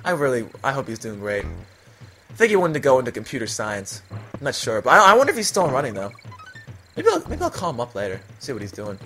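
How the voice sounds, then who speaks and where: A man's voice: medium pitch, wildly swooping pitch, fast, fairly bright tone. Rambling young man over game music. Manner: rambling, laughing storytelling. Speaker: gamer. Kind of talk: casual commentary while playing a video game. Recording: faint game music behind.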